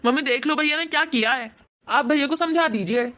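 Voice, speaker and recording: A woman's voice: sits high, brisk, a bit bright. A woman voicing an angry younger brother in a cartoon story, complaining indignantly. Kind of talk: animated cartoon voice acting.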